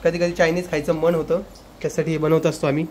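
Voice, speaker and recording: A man's voice: a little high, level tone, quick pace, a little mellow, a little hiss or hum. A man, a family vlogger and father, chatting casually in a home kitchen while filming on a phone, coaxing his small child and turning to speak to viewers. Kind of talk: casual home vlog chat.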